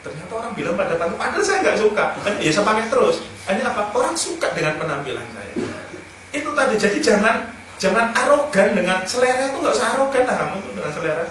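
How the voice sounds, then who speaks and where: A man's voice: high-pitched, very animated, fast talker, fairly bright tone. Joking man in an echoey hall. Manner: anecdotal, joking, chuckles between points. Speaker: speaker giving advice on self-improvement. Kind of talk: casual humorous talk. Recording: very echoey room, speaker far from mic, faint noise.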